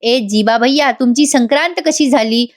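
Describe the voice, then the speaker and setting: A woman's voice: sits high, close to an everyday voice. A woman doing a tipsy rambling young man. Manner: slow, slurred, mixing in Hindi words. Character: drunk rambling young man, self-pitying.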